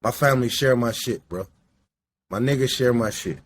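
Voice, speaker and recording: Smoking indoors as he talks, a podcast host from the Midwest in his late forties delivers a rambling, profane, loose casual monologue. His voice is mid-range at a moderate pace, over slight background noise.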